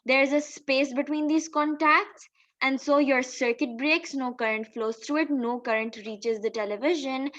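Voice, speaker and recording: A physics teacher explains things step by step in a tutorial style, posing questions as she goes. Her voice is high-pitched and fairly bright, at a moderate pace, picked up through a dull lo-fi microphone.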